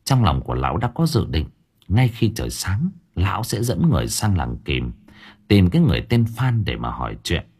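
A man narrating a horror story in a dramatic, expressive way. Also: low voice, normal speed, slightly rough. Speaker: audiobook narrator. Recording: faint background music.

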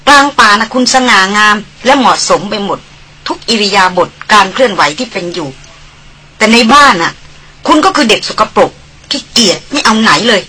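A woman voicing a proud, sharp-tongued young aristocrat in a storybook reading, scolding and decisive in manner. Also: medium pitch, breathy edge.

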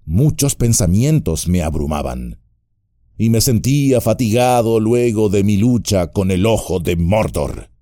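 A man voicing an old, wise and wry male wizard in an audiobook, speaking in a measured, gently humorous way. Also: lowish voice, lively intonation, no room sound, studio quality. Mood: wry calm.

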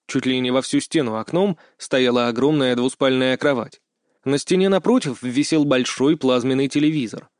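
A man narrating a first-person audiobook in a measured, wry storytelling manner. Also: mid-range voice, dry recording, clean studio sound.

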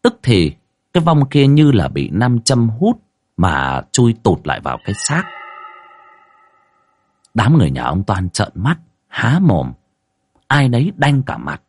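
A man's voice: medium pitch, measured pace, long pauses, slightly rough, dry recording, clean studio sound. A man narrating a ghost story dramatically and acting out every voice. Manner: animated, acts out all the voices.

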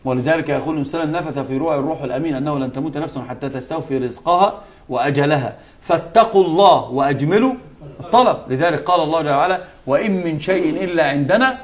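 A man delivering a religious lesson at a brisk, rapid clip, his voice sitting somewhat high for a man. He presses his points by repeating key words and weaves in scripture quotes. Now and then he turns aside to address his students directly. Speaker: sheikh teaching a lesson.

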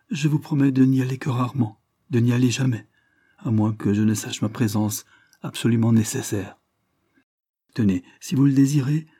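Storybook voice: a man playing a tearful young woman, higher and imploring, slightly husky. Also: mellow, dry recording, studio quality, close to an everyday voice. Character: distressed young woman pleading with her father.

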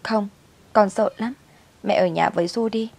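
A woman voicing a scared little girl who pleads softly and whimpers in a storybook reading. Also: mid-range voice, moderate pace, vocal fry, voice pushed up. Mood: pleading, scared.

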